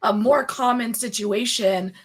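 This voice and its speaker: A woman's voice: fairly high pitch, a little slow, husky. A woman dispatcher co-hosting a podcast, chatting casually and laughing between points. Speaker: 911 dispatcher and podcast co-host.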